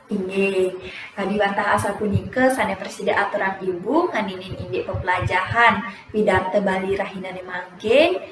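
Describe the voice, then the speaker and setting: A young woman teacher giving a formal lesson on speechmaking, speaking in a measured way with frequent filler pauses. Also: mid-range voice, steady tone. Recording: echoey room, voice from some distance, faint noise.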